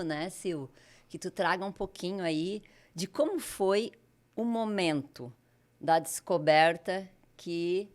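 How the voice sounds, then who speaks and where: A woman leads a podcast conversation in a low voice. She is reflective and thinks aloud as she gathers lessons from what she hears. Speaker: interviewer.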